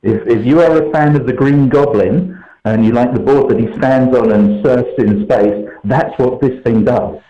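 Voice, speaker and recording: A man's voice: mid-range voice, normal speed, few pauses. A man calling in to a radio show over a poor, robotic-sounding headset line from a co-working space, explaining in an easygoing, meandering way. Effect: warbly, robotic-sounding call over a poor line, like a headset link. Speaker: regular tech contributor calling in. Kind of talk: casual radio phone interview. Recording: echoey, dull lo-fi call line.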